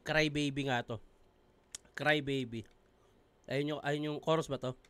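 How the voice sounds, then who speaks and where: Excitable Filipino man reacting to a song. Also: on the high side, measured pace, faint music behind. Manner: excitable, swears freely, shouts in surprise. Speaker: reaction video host. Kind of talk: casual reaction commentary.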